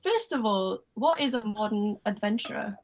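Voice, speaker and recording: A woman's voice: medium pitch, animated, normal speed. A young woman with a Welsh accent hosting a podcast over a call, chatty and upbeat, full of fillers. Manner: chatty, upbeat, giggly, lots of "like". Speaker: podcast host. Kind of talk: casual podcast chat. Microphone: remote call.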